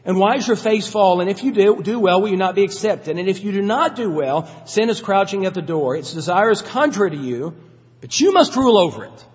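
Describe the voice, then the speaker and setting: A man preaches to his congregation in a high voice, talking plainly and asking them direct questions. His delivery swings between hushed and loud. The sound is dull and carries a long reverb from a large hall. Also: lively intonation, a little fast. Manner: conversational, rhetorical questions, dynamic swings in loudness. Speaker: pastor. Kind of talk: sermon.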